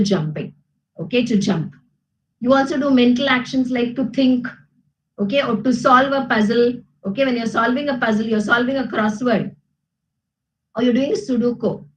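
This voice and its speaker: A woman's voice: fairly high pitch, a little hiss or hum, low-quality recording. Patient Indian woman teaching grammar. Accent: Indian English. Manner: explains patiently, asks "okay?" and "isn't it?" often. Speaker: English teacher. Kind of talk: classroom grammar lesson.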